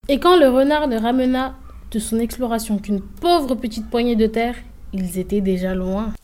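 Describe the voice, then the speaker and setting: A woman narrating a children's story in an expressive, lively way. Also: a little high, normal speed, slight background noise. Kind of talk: scripted narration.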